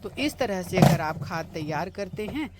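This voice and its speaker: A woman's voice: on the low side, lively intonation, moderate pace, heavy background noise. A woman gardening vlogger outdoors in her home garden in hot sun, chatting casually and explaining each step to her viewers. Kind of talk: casual how-to vlog.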